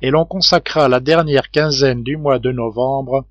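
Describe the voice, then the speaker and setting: A man narrating an audiobook of a classic novel in a steady, unhurried reading voice. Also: medium pitch, no echo. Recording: dry, slightly dull home recording.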